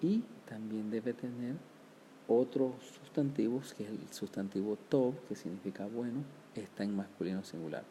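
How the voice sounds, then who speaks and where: A man's voice: lowish voice, normal speed, mellow, a little hiss or hum. A man teaching a Hebrew grammar lesson, explaining step by step, sounding out words syllable by syllable and checking with "¿verdad?".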